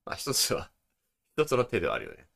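A young man in his twenties co-hosting a relaxed podcast chat, chuckling often. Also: mid-range voice, fast, gravelly. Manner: relaxed, chuckling, demonstrates voices. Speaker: podcast co-host. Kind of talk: casual chat.

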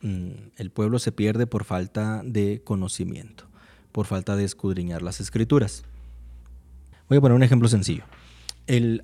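A man from Mexico, speaking as a guest in a casual discussion about faith, in a measured, explanatory way with frequent pauses. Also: lowish voice, warm tone.

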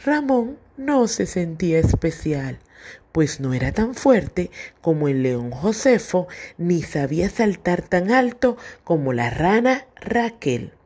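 Slow, careful woman reading to children. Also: fairly low pitch, darkish tone. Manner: careful, clearly articulated reading. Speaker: storyteller and teacher for children. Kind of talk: reading a children's book and phonics drill aloud.

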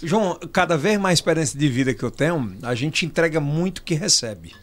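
A man's voice: a little high, a little fast, slight background noise. Man hosting, easygoing and chatty. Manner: relaxed, chiming in with short replies. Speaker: podcast host. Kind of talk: casual chat.

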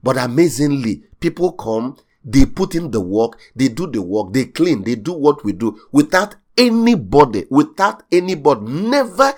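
A man's voice: medium pitch, very animated, moderate pace, a little mellow. A man preaching a sermon as pastor, emphatic and repetitive, with rising bursts of intensity.

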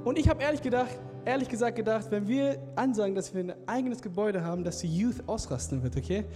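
A young man preaching as youth pastor to a live church audience, shouting out to the crowd and mixing in English phrases. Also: sits high, lively intonation, fast. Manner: hyped, calls out to the crowd, mixes in English. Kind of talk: energetic sermon. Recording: live hall reverb with faint music.

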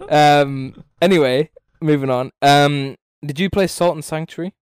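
A man's voice: a little high, fairly even intonation, a little slow, smooth, no room sound. A man co-hosting a casual gaming chat, swearing often and giving blunt opinions. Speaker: podcast co-host.

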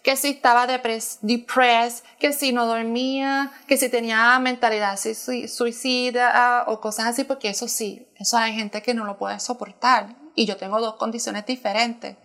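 A woman's voice: a little high, little pitch movement, moderate pace, hardly any pauses, fairly bright tone. A woman sharing a personal testimony as a church planter in conversation, earnest and emotional, often restarting her sentences.

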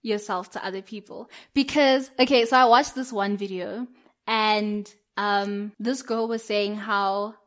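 On a podcast, a young woman chats casually, peppering her speech with "like" and "um" and laughing often. Her voice is medium in pitch, her tone steady and her pace measured.

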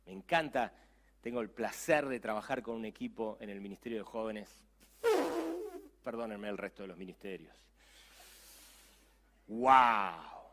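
A man's voice: on the low side, normal speed, slight background noise. A middle-aged man with a Rioplatense Spanish accent, a youth pastor preaching a sermon with emphatic, conversational asides.

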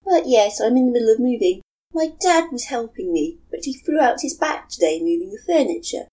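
Woman doing a bubbly young woman, eager, apologetic, very high and lively. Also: fairly quick, close to an everyday voice. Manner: bright, eager, self-deprecating.

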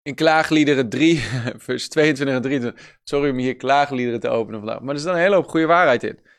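Male preacher, emphatic sermon delivery, repeats and slows key lines, mid-range voice. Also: medium pitch, vocal fry, clear, resonant tone.

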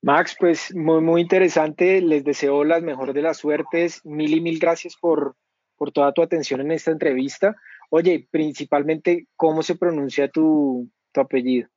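A man's voice: a little high, fairly even intonation, measured pace, darkish tone, no echo, muffled recording. Effusive male podcast host. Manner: effusive, repeats his thanks. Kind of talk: casual interview wrap-up.

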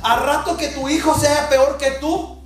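Slow-preaching woman in echoey church. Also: high voice. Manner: animated, mimics people in mocking voices. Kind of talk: sermon. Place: large echoing church hall. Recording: very echoey hall with faint music.

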